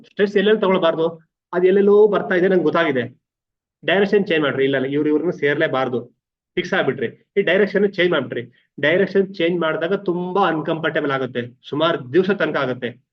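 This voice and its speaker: A middle-aged man with a Kannada accent, a wellness coach talking to a group, repeating himself and restarting words. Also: a little high. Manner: repetitive, restarts words, mixes English terms. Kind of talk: live group coaching talk. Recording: dull lo-fi audio.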